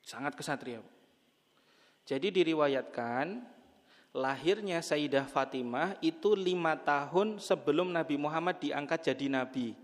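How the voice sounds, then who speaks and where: A man's voice: fairly high pitch, a little slow, in a large hall. A man preaching to a women's study group in a mosque, telling stories with humor and asking the audience questions. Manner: humorous storytelling, jokes with audience.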